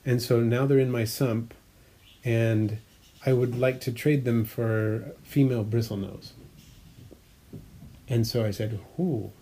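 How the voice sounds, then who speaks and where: Speaking slowly with frequent pauses, this man has a steady, mellow mid-range voice. As an aquarium vlogger casually chatting about his fish tanks, he rambles, self-corrects, uses many fillers and offers detailed hobbyist explanations.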